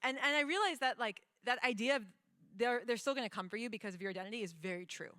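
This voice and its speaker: A young American woman, a guest in a conversation, earnestly tells her own story, laughing often and full of fillers and restarts. Her voice is a little high, bright and forceful, and she talks fast. The recording is dry and studio quality.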